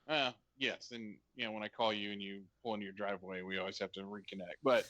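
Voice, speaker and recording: A man co-hosting a casual podcast chat, talking in a relaxed, hesitant way with lots of ums. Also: lowish voice, fast talker, dry recording, highs cut off. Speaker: podcast co-host.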